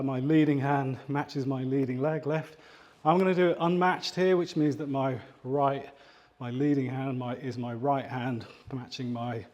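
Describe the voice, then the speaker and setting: A man's voice: fairly high pitch, a little mellow. A man demonstrating tai chi kicks, explaining steps and counting reps while slightly out of breath. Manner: talks while moving, counting reps aloud. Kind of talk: instructional exercise demonstration.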